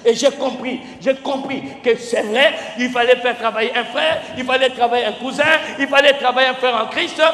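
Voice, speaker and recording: Male pastor, very high voice, emphatic sermon with shouts and drops; reverberant church hall. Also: steady tone, fairly quick, few pauses. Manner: emphatic preaching, swinging from shouts to near-quiet; spells out words letter by letter, asks the congregation questions. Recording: echoey church hall with faint music.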